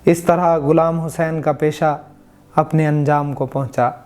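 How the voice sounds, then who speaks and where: High-voiced man narrating a formal story. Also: steady tone, darkish tone. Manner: measured, formal literary Urdu storytelling. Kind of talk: scripted narration of a true crime history.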